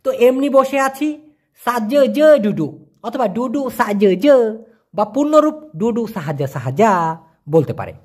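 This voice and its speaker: A man teaching an informal online lesson. His voice is husky and his pitch rises and falls a lot. He repeats each new word slowly and explains it patiently. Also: expressive. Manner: answers viewers' questions by name. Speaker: language teacher. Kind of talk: casual online language lesson.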